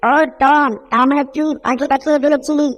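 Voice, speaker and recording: A woman's voice: sits high, level tone, a little fast, voice pushed up, lightly acted. A woman voicing a stern female house owner in a fan cartoon dub, scolding and threatening her cat. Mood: angry.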